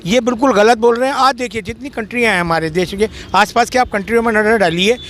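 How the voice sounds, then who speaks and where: High pitched guy in a street argument, pushy, keeps repeating himself. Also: fast, fairly bright tone, a little hiss or hum. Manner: insistent, argumentative, repeats questions. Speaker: passerby in a street debate.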